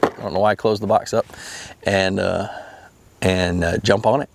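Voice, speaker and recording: Man, thirties, lowish voice, casual rambling fishing talk, outdoors on a boat. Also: steady tone, normal speed, vocal fry. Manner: rambling, with many fillers and restarts. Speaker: fishing video host. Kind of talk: casual how-to narration while fishing.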